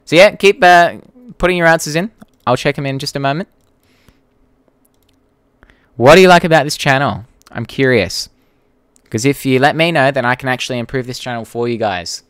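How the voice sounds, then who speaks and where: At a moderate pace with frequent pauses, the young Australian creator chats through a live Q&A, reading comments aloud bluntly and swearing freely. His mid-range voice is fairly bright and clean, captured in clean studio sound without room echo.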